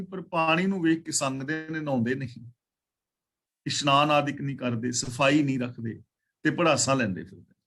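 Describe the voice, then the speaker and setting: Man, fairly high voice, scripture teacher, slow verse recitation, word-by-word explanations, online class. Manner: recites verses slowly, then explains words and their pronunciation. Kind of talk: religious lesson explaining scripture. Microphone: online class call.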